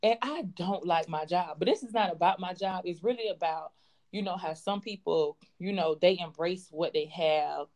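Woman in her 20s, podcast host, lower register, loose playful chat. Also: moderate pace, a little mellow. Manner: playful, chatty, lots of fillers and laughs. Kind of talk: casual chat.

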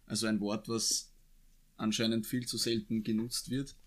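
A man's voice: lowish voice, flat delivery, moderate pace. A man with an Austrian accent, chatting casually with dry, teasing remarks. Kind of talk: casual chat.

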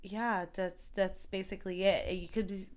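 A woman co-hosting a podcast in casual chat, playful and quick to laugh, full of slang and repeated catchphrases. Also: mid-range voice, steady tone. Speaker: podcast co-host.

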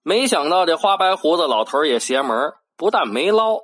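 Lively Beijing-accented folk storyteller. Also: medium pitch, fairly quick, faint music behind. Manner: lively storytelling with vocal sound effects and playful asides. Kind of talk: old Beijing folk tale narration.

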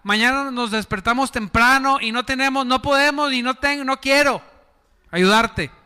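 A man's voice: very high voice, sharp tone, smooth, full character voice. A man voicing a grumpy, sleepy friend who refuses to get up, drawing out his refusals. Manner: slow, drawn-out refusals. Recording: echoey hall.

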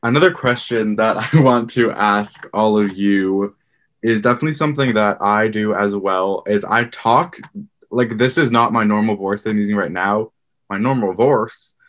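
A young man hosting a podcast, talking in a calm, slightly quiet way. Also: on the low side, moderate pace, dry recording, studio quality. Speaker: podcast host. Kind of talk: casual chat and outro.

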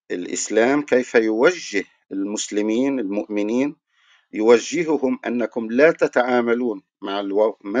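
Gravelly-voiced man lecturing. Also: on the low side, no room sound, muffled recording. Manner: explanatory, poses rhetorical questions and answers them. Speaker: religious speaker. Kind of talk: religious lecture.

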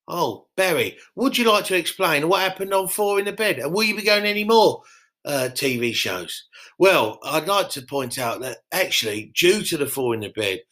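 A man voicing a brash, foul-mouthed middle-aged country pub landlord who talks loud and boastful in a comedy podcast. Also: on the high side, lively intonation, moderate pace, pitched above the performer's own voice. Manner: boastful, loud, swears a lot. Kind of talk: comedy podcast character monologue.

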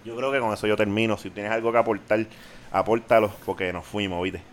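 Young man, Puerto Rican accent, podcast host; animated, profane rant, casual code-switching. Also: on the low side, a little fast, heavy background noise. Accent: Puerto Rican Spanish. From Puerto Rico. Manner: ranting, animated, mixes English into Spanish, swears freely.

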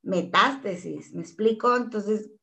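A woman's voice: medium pitch, a little slow, gravelly, a bit bright. A woman with a Mexican accent telling an interviewer a personal story in an earnest, emotional way, often acting out what others said. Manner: earnest, emotional retelling that acts out quoted dialogue. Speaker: interview guest.

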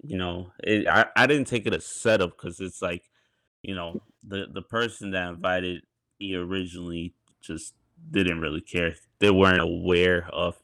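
Young male podcast guest, very low voice, dry close sound, relaxed, slangy storyteller. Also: moderate pace, no echo. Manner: laid-back, colloquial, with many fillers. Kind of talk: casual storytelling.

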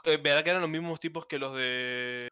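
A man's voice: a little high, a little fast, bright, forceful tone, clear, resonant tone, no echo. A man co-hosting a casual livestream chat, talkative and often searching for his words. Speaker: co-host.

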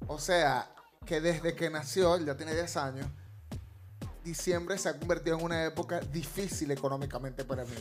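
A woman tells an animated story in a relaxed group conversation, acting out what she and others said. Faint music plays quietly behind her voice. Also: sits low, normal speed. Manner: lively storyteller, quoting herself, laughing often. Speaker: parent. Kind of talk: casual chat.

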